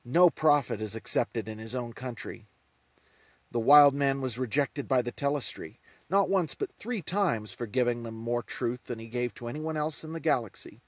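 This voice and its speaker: A man's voice: medium pitch, normal speed, no room sound, natural voice. A man voicing a young, defiant prophet who lectures a council in an earnest, reproachful way.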